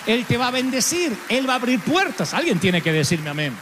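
A man's voice: very high voice, a little fast, a faint crowd, a little hiss or hum. Guy preaching a sermon, tells the story like he's acting it out, voice rings around a big hall. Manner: expressive storytelling preacher, acts out dialogue. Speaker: pastor. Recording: long hall reverb.

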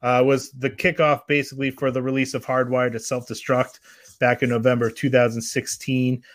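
Male livestream host from New Hampshire, relaxed, dry close sound. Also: medium pitch, fairly quick, no room sound. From New Hampshire, USA. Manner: easygoing, hesitant with fillers. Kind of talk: casual chat.

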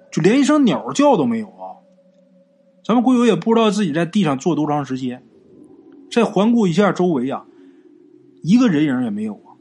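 A man narrates a ghost story like he's chatting friends. His voice is a little husky and sits on the high side, and it swings up and down a lot as he tells it. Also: a little mellow. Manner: chatty, colloquial, addresses listeners as "ghost friends".

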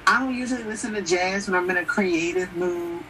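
A young man, a guest on a radio show, answering in a thoughtful, measured way. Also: high-pitched, bright, forceful tone. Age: young adult. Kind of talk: call-in radio talk. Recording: distant noisy mic.

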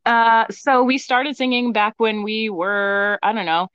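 A woman's voice: fairly high pitch, fairly even intonation, unhurried, fairly bright tone, clean tone, dry recording. An American woman co-hosting a podcast from inside a closet, chatting casually and telling stories in a giggly way, with a muffled sound. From Maine, USA. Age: adult, mother of young children. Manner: giggly, laughs through her stories. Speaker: podcast co-host.

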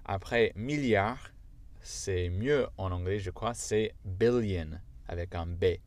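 Speaking slowly in a low, darkish voice, a man whose first language is English patiently walks through a French language lesson step by step. His French carries an American accent.

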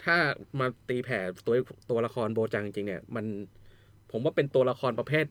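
A man's voice: medium pitch, brisk, dry recording. A man co-hosting a casual podcast, explaining things at length in a chatty way. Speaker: podcast co-host. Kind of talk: casual chat.

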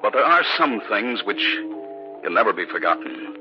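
A husband narrating, old radio show. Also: male voice, on the low side, sing-song. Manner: earnest, measured storytelling. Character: husband narrating his own eerie tale. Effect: old radio show broadcast. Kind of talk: 1940s radio drama acting. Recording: muffled old radio recording with music.

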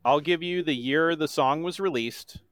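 Man, podcast quizmaster, flat deadpan delivery, dry close-miked sound. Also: fairly high pitch, dry recording. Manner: reads lyrics in a deliberate monotone. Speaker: quiz host.

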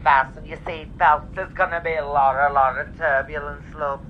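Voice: medium pitch, little pitch movement, normal speed, slight background noise. Someone voicing an airline captain making a jokey, informal cabin announcement over the plane intercom. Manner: jokey, informal, addresses listener as "love". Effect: pilot's voice over the plane intercom. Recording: muffled lo-fi clip with faint music.

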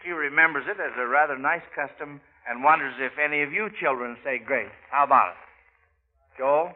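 An American man hosts a 1940s radio quiz for children, addressing them in a folksy, schoolmasterly manner. His voice is a little high and his speed normal, and the old radio recording sounds tinny and band-limited.

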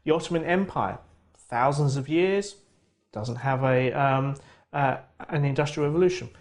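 Man explaining like a lecturer. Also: mid-range voice. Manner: lively lecturing, with quick bursts and restarts. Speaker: geography professor, interview guest. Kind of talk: conversational expert explanation.

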